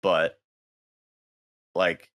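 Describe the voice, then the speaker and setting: A man co-hosting a casual hobby podcast, hesitant and repeating words as he talks, quick to laugh. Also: fairly bright tone. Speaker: podcast co-host.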